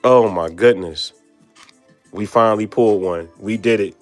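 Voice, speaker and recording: A young man hosting a card-opening vlog, excited, exclaiming and stammering over his pulls. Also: lowish voice, moderate pace, faint music behind. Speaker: card-opening channel host.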